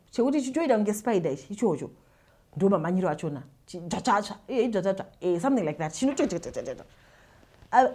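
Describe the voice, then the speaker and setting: Husky and mid-range, the voice belongs to a Zimbabwean-accented host who reads confessions from listeners and advises them. Her delivery is casual, with repeated words and dramatized retellings.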